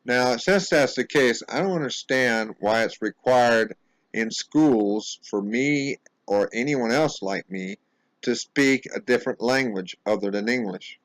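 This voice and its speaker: Indignant American man, halting and insistent. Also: medium pitch, dry recording, rough recording. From United States. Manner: halting, repeats words, frequent "uh" restarts. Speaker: vlogger. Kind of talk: angry monologue to camera.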